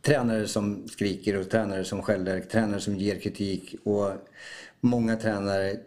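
A man's voice: on the low side, level tone, a little mellow. A man hosting a podcast, asking his guest questions in a conversational way. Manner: inquisitive, poses questions to the guest. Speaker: podcast host.

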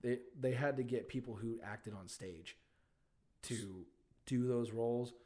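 A man's voice: mid-range voice, a little slow, mellow. A young man chatting casually and laughing, sometimes putting on voices to quote people. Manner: laid-back, laughing, puts on voices for quotes. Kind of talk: casual chat.

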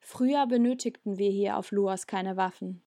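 A woman's voice: mid-range voice, moderate pace, dark tone, no room sound, clean studio sound, close to an everyday voice. A woman voicing a grave alien elder woman explaining a danger in a storybook reading.

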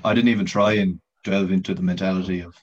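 A man's voice: low voice, flat delivery, fast, a little mellow. A man speaks as a podcast guest in casual chat, telling a rambling story with swearing and frequent laughter. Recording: dull lo-fi podcast audio.

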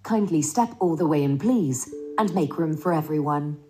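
Woman as the slow, menacing, mellow Ghost Host. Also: low voice, expressive, faint music behind. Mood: slow menace. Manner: slow theatrical menace, mock-courteous. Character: ghostly host of a haunted mansion, theatrical, ominously polite. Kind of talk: scripted haunted attraction narration.

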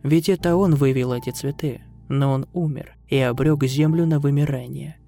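A male narrator tells a dark horror tale in a scripted storytelling style. His voice sits at a medium pitch, with instrumental music playing behind it. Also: fairly even intonation, normal speed, gravelly. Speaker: narrator of bedtime horror stories.

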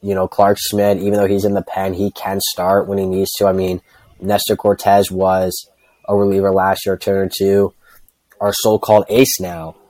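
A man's voice: low voice, completely flat delivery, normal speed, a little mellow, no room sound. A man talks sports as a podcast panelist. The sound is close and dry, and his phrasing is loose and conversational, full of little verbal hedges. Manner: hedging, repeatedly says like and you know. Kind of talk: casual baseball analysis chat.

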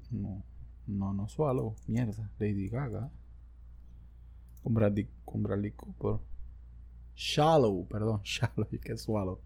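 A man's voice: mid-range voice, creaky, mellow, slightly rough. A man with a Venezuelan accent, hosting a casual solo podcast into a studio microphone, rambling and slangy with self-joking asides. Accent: Venezuelan Spanish. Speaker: podcast host.

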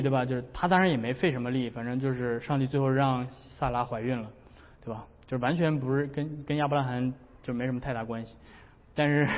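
A man preaching a sermon as a pastor, in a chatty, humorous way that often breaks into laughter. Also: mid-range voice. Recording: dull recording with long hall reverb.

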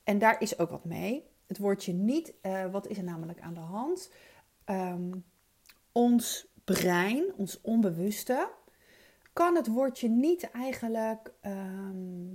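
A woman coach, talking through ideas in a casual, thoughtful way with many pauses and restarts. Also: mid-range voice, expressive, darkish tone. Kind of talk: casual spoken coaching talk.

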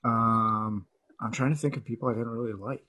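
A man's voice: medium pitch, steady tone, normal speed, pushed and bright. A man co-hosting a casual podcast over an online call, talking in an offhand, rambling way with many fillers, his voice warbling through a glitchy connection with auto-tune-like artifacts. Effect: glitchy bad call connection with warbling, auto-tune-like artifacts. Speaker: podcast co-host.

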